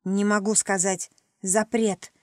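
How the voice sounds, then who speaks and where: A woman's voice: medium pitch, little pitch movement, slow, darkish tone, no echo, studio quality, lightly acted. A woman voicing a small grey male demon who hisses and wheezes his lines in panicked, pleading bursts in an audiobook. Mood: terrified. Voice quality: hissing, wheezing. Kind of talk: audiobook character voice.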